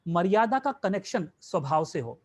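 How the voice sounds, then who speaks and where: A man's voice: high voice, very animated, normal speed. Man giving a spiritual class. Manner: rhetorical questions answered himself, repeating phrases; conversational, mixing in English words. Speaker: spiritual teacher.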